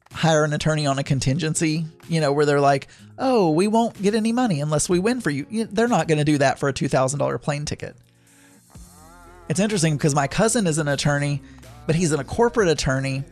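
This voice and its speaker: A man casually telling a story to his viewers, rambling with lots of fillers and restarts. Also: on the high side.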